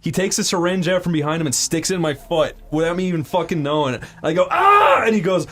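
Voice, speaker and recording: A man's voice: on the high side, fairly even intonation, quick pace. A young man from Ireland in casual chat, telling a loose, sweary story and laughing often.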